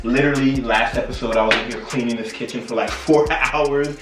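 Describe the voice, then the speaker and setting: A man hosts a casual cooking vlog in a tipsy, meandering way, losing his thread as he explains things. His voice sits at a middling pitch, picked up from a distance in a roomy, echoing space with faint music. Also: fairly even intonation, fairly quick. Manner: tipsy, rambling, loses his train of thought. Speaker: host of a cooking video.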